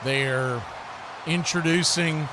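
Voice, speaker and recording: A man with a fairly high, steady voice speaks at a slow pace while hosting a live sports stream, calling plays and chatting with viewers in an easygoing, folksy way. Ambient noise is plainly audible throughout.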